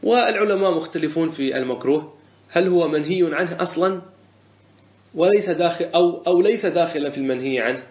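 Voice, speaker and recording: A man's voice: a little high, quick pace. A man teaching a classroom lesson on a religious legal text, explaining patiently, repeating phrases and asking and answering his own questions. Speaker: teacher of Islamic jurisprudence. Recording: echoey lo-fi room recording.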